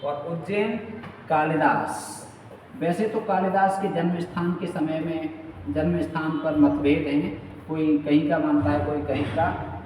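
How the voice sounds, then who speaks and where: A fairly high-pitched male teacher works through exam quiz questions, repeating each key word slowly and checking in often. He sounds distant from the mic. His voice rings with a long room echo over faint background noise. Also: a little mellow. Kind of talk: exam-prep quiz lesson.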